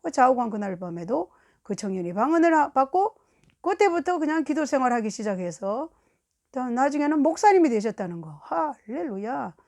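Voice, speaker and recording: Animated Korean woman preaching a testimony. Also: sits high, fairly quick. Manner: animated storytelling, acting out dialogue. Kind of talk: sermon testimony.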